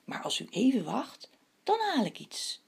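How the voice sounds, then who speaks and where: A woman reading the part of a humble, pious male hare in a storybook tale, with a husky, breathy voice. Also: high voice, huge pitch swings, measured pace, voice pushed up, full character voice.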